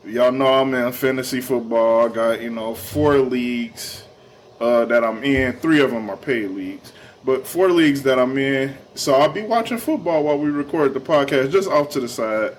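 A man's voice: mid-range voice, moderate pace, a little hiss or hum. A young adult man co-hosting a casual podcast, talking in laid-back slang and laughing often. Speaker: podcast co-host.

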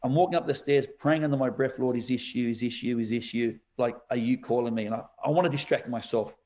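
A man, a pastor, recounts a story in a podcast interview. He talks in a lively, animated way, laughs often and calls the listener "bro." His voice sits in a middle pitch. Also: fast talker.

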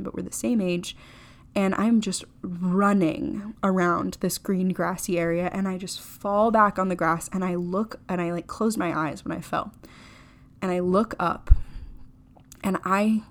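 A young American woman hosting her own podcast, talking casually in a rambling, chatty way, full of "like" fillers and blunt swearing. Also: fairly low pitch. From United States. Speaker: podcast host. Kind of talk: casual solo podcast chat.

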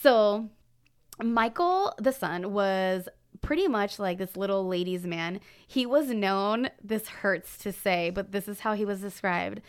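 A woman with a smooth, clear voice co-hosting a true-crime podcast. She tells the story with animated asides and quick laughs. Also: medium pitch. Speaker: podcast co-host.

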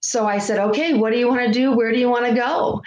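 A woman's voice: a little high, darkish tone. Middle-aged woman with a heavy echo. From Connecticut. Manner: reflective and heartfelt, with many pauses. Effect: heavy echo around the voice. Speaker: interview guest, realtor. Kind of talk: personal story in a podcast interview. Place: echoey room. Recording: echoey room, faint noise.

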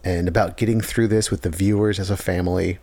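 A man's voice: low voice, steady tone, fast, warm tone. A man co-hosting a casual podcast, recapping episodes at length with frequent fillers. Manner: long plot recaps with fillers. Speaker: podcast co-host recapping a show. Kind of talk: casual chat.

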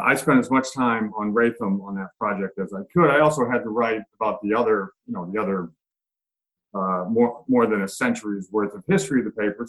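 A man, an author and reporter, answering interview questions in a relaxed way with frequent fillers. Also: on the low side, poor audio.

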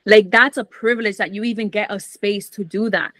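A woman guest on a podcast talking in a casual, animated and blunt way, swearing freely. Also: medium pitch, brisk, no room sound.

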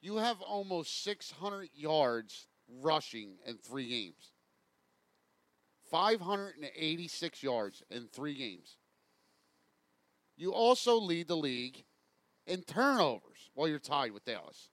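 A man's voice: fairly high pitch, big pitch swings, slow, a bit bright, no echo. A man co-hosting a sports talk show, complaining in exasperated, profane banter. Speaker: podcast co-host.

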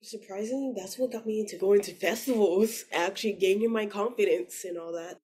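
This woman in her twenties has a mid-range, warm voice with a breathy edge, and she talks fairly quickly. Appearing as an interview guest, she chats casually and tells personal stories in a slangy, informal way.

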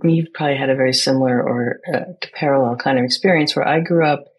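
A woman's voice: rumbling low, fast, husky, rough recording. An American woman speaking as an interview guest, thoughtful and searching for words with frequent restarts. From United States. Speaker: guest, poet and playwright. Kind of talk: reflective conversation.

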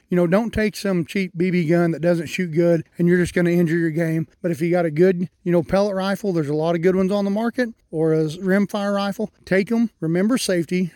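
Guy, folksy radio outdoors talk, dry close sound, kinda soft mellow tone. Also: sits high, no room sound. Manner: folksy, rambling, instructive. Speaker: outdoors segment contributor. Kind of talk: casual radio talk on hunting.

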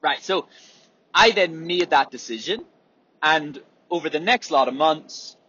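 A man with a husky, swollen-sounding sore throat, talking in a rambling, reflective, hesitant way on a casual solo podcast. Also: a little high, lively intonation, measured pace, bright, forceful tone, dull audio. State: sore, swollen throat, often needing clearing. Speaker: podcast host and athlete.

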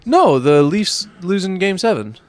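A man's voice: sits high, big pitch swings, a little slow. A young man co-hosting a sports podcast, chatting casually, joking and swearing freely. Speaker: podcast co-host.

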